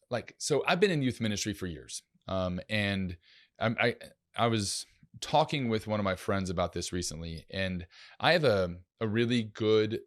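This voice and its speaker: A man co-hosting a casual talk show speaks reflectively, with a lowish voice at a slightly slow pace. His podcast chat is full of fillers and frequent restarts.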